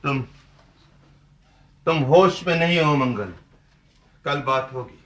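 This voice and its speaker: A man playing an anguished middle-aged father who confronts his wife and drunken son in a stage play, speaking slowly and with emotion. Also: medium pitch, fairly bright tone. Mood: stern. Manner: slow, emotional, rising to anger. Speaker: father, Nandan. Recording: stage recording from a distance with music.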